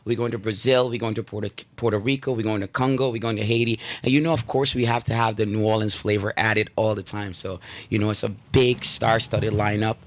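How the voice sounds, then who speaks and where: A man's voice: on the low side, fairly even intonation, brisk, hardly any pauses. A man from Guyana, a guest on a radio talk show, talking with enthusiasm and many fillers from inside the studio. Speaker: guest, drumming school founder. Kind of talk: radio interview.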